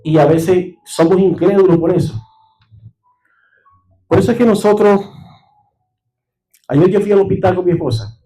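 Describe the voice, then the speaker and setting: A male pastor preaching a sermon in a high, warm, mellow voice. He tells stories from the pulpit and keeps asking the congregation if they are following. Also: normal speed, pauses often, faint music behind, rough recording. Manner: storytelling preacher who checks in with the congregation. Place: church service.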